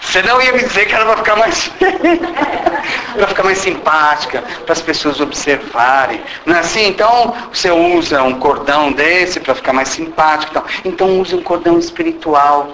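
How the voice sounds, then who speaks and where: A man's voice: fairly high pitch, lively intonation, normal speed, pushed and bright. A man with a Brazilian Portuguese accent giving an informal spiritual lecture, teasing and questioning the audience and acting out little dialogues. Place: meeting hall. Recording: roomy hall with background noise.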